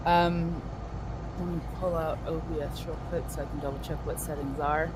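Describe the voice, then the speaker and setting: A woman's voice: sits low, steady tone, moderate pace, noisy background. A woman chatting casually on a gaming stream, dryly sarcastic, talking through a headphone mic. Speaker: livestream co-host.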